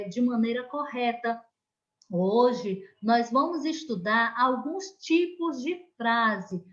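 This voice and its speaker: Slow-talking Brazilian teacher, a woman. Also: on the high side, fairly bright tone, highs cut off. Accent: Brazilian Portuguese. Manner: slow, careful, emphatic classroom delivery. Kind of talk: online class lesson for young pupils.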